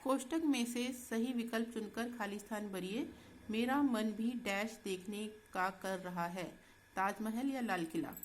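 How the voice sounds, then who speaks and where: A woman teacher going through textbook exercises with students in a slow, patient way, often checking in as she goes. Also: medium pitch, a little hiss or hum. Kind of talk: Hindi textbook exercise lesson.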